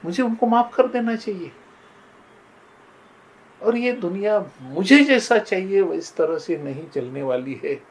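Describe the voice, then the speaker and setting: A man's voice: high-pitched, lively intonation, unhurried, pauses often, poor audio. An older man giving a motivational talk, earnestly telling personal and moral stories and often turning to address his listeners as friends. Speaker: motivational speaker.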